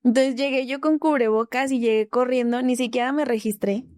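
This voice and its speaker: A young woman with a Mexican accent tells her story with lively quoted exchanges, dropping in a laugh now and then. Her voice sits a little high and sounds close and dry. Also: a little fast, no echo. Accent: Mexican Spanish. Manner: lively retelling with quoted dialogue, laughs between lines. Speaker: interview guest. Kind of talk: candid storytelling.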